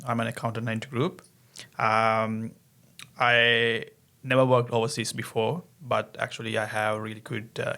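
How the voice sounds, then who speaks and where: A man from Sri Lanka speaks with a Sri Lankan accent in a gravelly, fairly monotone voice. He talks in casual podcast chat and pauses often with fillers. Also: medium pitch. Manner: hesitant, many fillers. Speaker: accountant.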